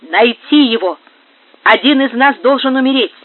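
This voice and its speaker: A man's voice: very high voice, moderate pace, no echo. A man reading a heartbroken, jealous young man with anguished intensity, heard through a narrow phone-like sound.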